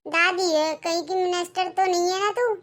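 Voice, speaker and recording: A bossy old grandmother from a cartoon family drama, shrill and commanding, as a voice actor puts her on. Her voice sits very high. She scolds in sharp bursts. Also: fairly even intonation, normal speed. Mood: shocked, angry. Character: stern old grandmother who favors grandsons. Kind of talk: cartoon voice acting.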